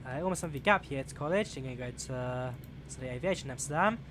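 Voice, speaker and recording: He races along in an animated, mid-range voice, a twenty-ish Englishman streaming a train simulator. Chatty and rambling, he reads viewers' messages aloud and uses lots of fillers. Simulated train engine and rail sounds are distinctly audible behind him.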